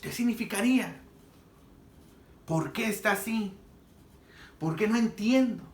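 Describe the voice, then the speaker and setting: A man's voice: high voice, measured pace. Man, pastor, sermon, dramatic storytelling, reverberant hall sound. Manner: dramatic storytelling, acting out quoted dialogue.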